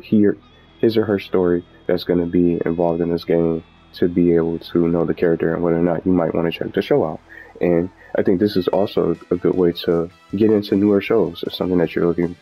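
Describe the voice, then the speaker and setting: A man with a low-pitched, dark voice hosts a gaming video, giving casual, unscripted commentary. He rambles, often repeating and correcting himself. The audio is muffled, with background music.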